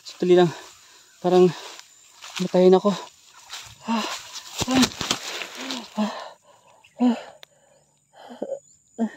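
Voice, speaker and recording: A man's voice: high-pitched, very slow, pauses often, background noise. A man with a Filipino accent hosting a ghost-hunting vlog, startled and shaky as he talks straight to his viewers. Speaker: ghost hunter vlogger. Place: outdoors at night in rural brush. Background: crickets chirping.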